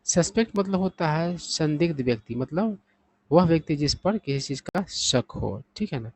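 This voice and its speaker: Man teaching English vocabulary, fairly high voice. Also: slightly rough, no echo, rough recording. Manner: steady explaining, often adding "thik hai na?"; reads example sentences slowly and deliberately. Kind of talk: vocabulary lesson explained in Hindi.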